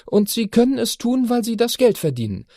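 A man's voice: very high-pitched, big pitch swings, fairly quick, warm tone, no echo, clean studio sound, voice pushed up, exaggerated voice. A man voicing a curious, argumentative teenage girl in an audiobook, pressing her questions insistently. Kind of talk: audiobook character voice.

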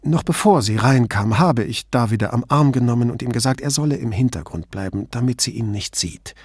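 A man's voice: medium pitch, expressive, brisk, darkish tone, breathy edge, no echo, clean studio sound. A man voicing an indignant middle-aged female shop assistant in an audiobook, speaking emphatically. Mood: earnest. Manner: emphatic, raised voice.

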